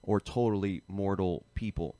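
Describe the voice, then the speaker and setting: A man's voice: deep voice, moderate pace, dry recording. An American man co-hosting a podcast, casually explaining a topic with lots of fillers like "um" and "like". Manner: relaxed, filler-heavy, lots of "um" and "like". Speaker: podcast co-host.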